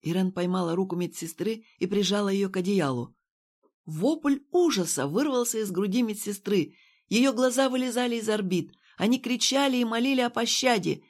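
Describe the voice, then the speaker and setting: A woman's voice: medium pitch, moderate pace. A woman narrating an audiobook in the first person. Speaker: audiobook reader. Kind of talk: scripted narration.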